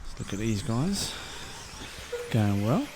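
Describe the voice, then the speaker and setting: Speaking slowly but very animatedly in a fairly low voice, an RC channel host films remote control car racing at an outdoor track one evening. His commentary is casual and chatty as he thinks aloud, with noisy camera sound full of cars and track atmosphere.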